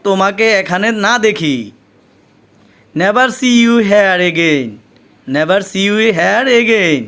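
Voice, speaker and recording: A man with a Bengali accent teaching English, reading each short phrase twice, slowly and deliberately. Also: high voice, a bit bright. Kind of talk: slow repeated phrase drills for learners.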